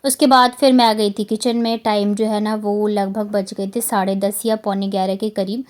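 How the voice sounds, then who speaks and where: Medium in pitch, level, and darkish in tone, this vlogger's voice moves at normal speed. She's a woman in her thirties from Bihar, India, giving casual voice-over narration of her home vlog, chatty and rambling with many fillers.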